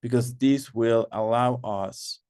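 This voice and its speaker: He hosts an online webinar at a slow pace, patient and full of fillers, going over instructions more than once. A native Spanish speaker from Mexico on a video call, he has a smooth, mellow, mid-range voice in studio-quality audio with no room sound.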